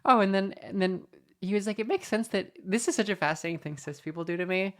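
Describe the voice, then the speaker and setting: A woman with a notably low voice, chatting casually as a podcast host. She rambles through anecdotes with a wry edge, loaded with fillers and restarts. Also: fast talker.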